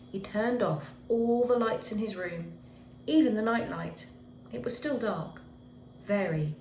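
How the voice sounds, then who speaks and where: A woman with a medium-pitched, darkish voice reads a children's picture book aloud expressively, giving key words dramatic emphasis. The room is echoey with faint background noise.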